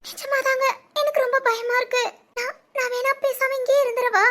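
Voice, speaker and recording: A woman's voice: very high voice, flat delivery, moderate pace, a bit bright. A woman playing a frightened young pregnant wife who stammers and hesitates in a village family drama. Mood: fearful.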